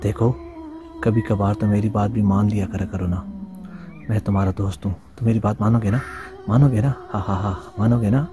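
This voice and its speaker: A man's voice: fairly low pitch, fairly even intonation, moderate pace, lightly acted. A man playing a sly male devil who coaxes and pleads, repeating himself to tempt a boy. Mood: coaxing. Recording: noisy amateur recording.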